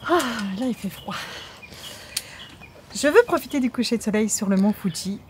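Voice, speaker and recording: A woman's voice: mid-range voice, expressive, moderate pace. A middle-aged woman, a mother and vlogger, chatting casually with her family and laughing often. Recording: echoey with faint noise.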